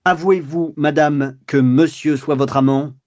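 A man doing a stern, shrill police commissioner. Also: steady tone, unhurried, lightly acted. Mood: stern official. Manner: formal, commanding, rising to sharp outbursts. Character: stern middle-aged male police commissioner.

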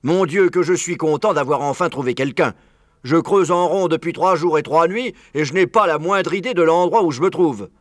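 A man voicing an excitable old male badger, raising his voice high and loud in agitation. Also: moderate pace, no room sound, studio quality, lightly acted. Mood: agitated.

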